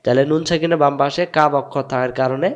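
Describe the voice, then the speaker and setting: A man's voice: a little high, steady tone, highs cut off. A man from Bangladesh with a Bangladeshi Bengali accent, teaching Quran recitation patiently and repeating each sound several times. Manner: repeats sounds slowly, asks and answers his own questions. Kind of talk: patient step-by-step lesson.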